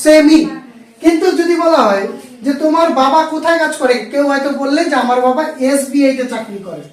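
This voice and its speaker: High-voiced male teacher in echoey classroom. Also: a little fast, distant mic. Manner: drills students with repeated questions and spelled-out words. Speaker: English grammar teacher. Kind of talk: classroom grammar lesson with call-and-response questions. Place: classroom with students.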